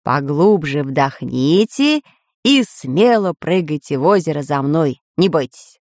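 A woman voicing a calm, learned old professor in a children's audiobook, speaking slowly and reassuringly in a lowered voice. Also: no echo, clean studio sound. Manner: slow, lowered, reassuring explaining.

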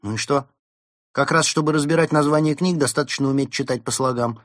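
A man's voice: fairly high pitch, a little fast, a bit bright, no room sound, clean studio sound, pitched above the performer's own voice, natural voice. A man reading a storybook aloud, voicing a bossy, teasing young female fox. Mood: mocking. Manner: mocking, teasing. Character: bossy quick-tongued young vixen.

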